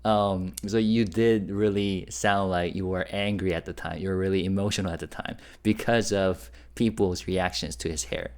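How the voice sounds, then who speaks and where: A man's voice: low voice, normal speed, few pauses, clear, resonant tone. A man hosting a reaction video, casually translating and explaining with easy chuckles. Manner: relaxed, chuckles while explaining. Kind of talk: casual commentary.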